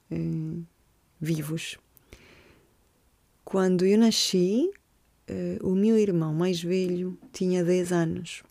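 A woman in her forties from Colombia, hosting a podcast and gently telling her own story, reflective and hesitant. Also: lowish voice, creaky, no room sound. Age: 40s. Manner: gentle, reflective, with frequent hesitations and repeated words. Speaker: podcast host. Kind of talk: personal storytelling monologue.

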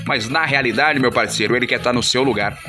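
A man hosting a casual show, slangy and full of fillers like "meu" and "mano," with sponsor shout-outs. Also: mid-range voice, a little fast. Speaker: radio-style host. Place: studio. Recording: music playing clearly behind.

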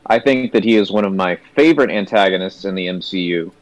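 A young man with a low voice in a casual movie review chat, rambling and restarting his sentences often. The recording is close and dry, with hardly any room sound. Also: quick pace, no echo, poor audio. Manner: rambling, many fillers and restarts. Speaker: movie review podcast co-host.

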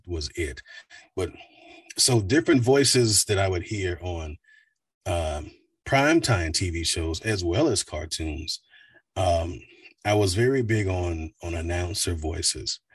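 A man in his forties from the United States, a voice actor and coach with a deep baritone, talking animatedly in an interview. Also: slightly rough, no room sound, distant mic. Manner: animated, slips into quick voice demos. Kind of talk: casual interview talk.

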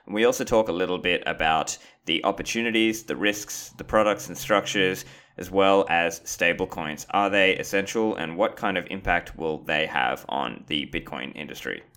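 A man hosting a podcast, reading a scripted intro and sponsor messages in a steady, measured way, then interviewing a guest. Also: sits low. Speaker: podcast host.

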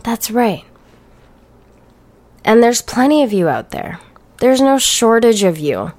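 A woman's voice: fairly high pitch, big pitch swings, slow, a little mellow. A woman hosting a solo podcast, talking in a blunt, profane, ranting and sarcastic way. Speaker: podcast host.

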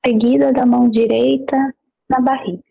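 Lady doing a guided meditation, kinda high voice, slow gentle cues w long pauses, bit husky. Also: steady tone, highs cut off.

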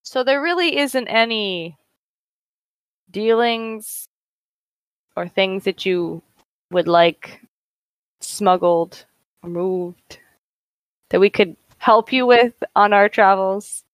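A woman playing in a tabletop game, talking in a quick, questioning way. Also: mid-range voice, no room sound. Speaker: player. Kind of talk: tabletop role-play banter.

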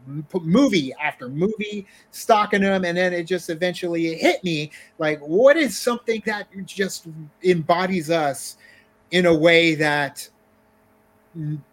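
A man with a slightly raised pitch, talking in a loose, animated way on a podcast. He laughs easily, gets loud when excited, and lets sentences trail off as he goes. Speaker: podcast guest, co-creator of a YouTube channel. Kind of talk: casual chat.

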